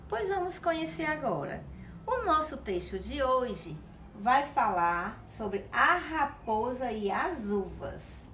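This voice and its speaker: A woman teacher with a Brazilian accent giving a video lesson to young children, speaking affectionately and spelling out syllables slowly. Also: fairly high pitch, a little hiss or hum. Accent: Brazilian Portuguese. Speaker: primary school teacher. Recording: echoey room recording.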